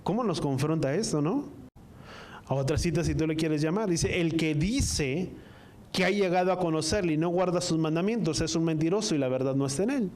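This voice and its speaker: A male preacher with a slightly raised pitch leads a sermon, drawing out each line of scripture. He keeps turning to the congregation with questions and asks them to say the words back to him. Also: a little mellow. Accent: Spanish-speaking, from the US-Mexico border. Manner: call-and-response, asks the congregation to repeat after him; reads scripture slowly, line by line. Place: church service, also streamed online.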